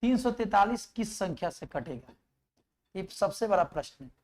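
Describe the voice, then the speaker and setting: A man's voice: sits high, lively intonation, moderate pace. Methodical male math teacher. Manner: explains step by step, asks and answers his own questions; recites numbers and multiplication tables aloud. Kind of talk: exam-prep math lesson.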